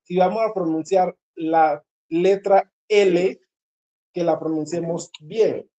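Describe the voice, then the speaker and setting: This is a singing teacher guiding a group lesson, explaining step by step and often pausing to check that everyone follows. The voice sounds mellow and of middling pitch. The recording comes across dull and muffled. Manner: patient, repeats points and checks in with listeners.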